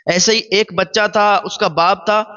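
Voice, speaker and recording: A man's voice: sits high, fairly even intonation, sharp tone, clean tone. A man preaching a sermon, telling a moral story and urging listeners earnestly with repeated phrases. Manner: repetitive, earnest moral exhortation. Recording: dull, muffled recording.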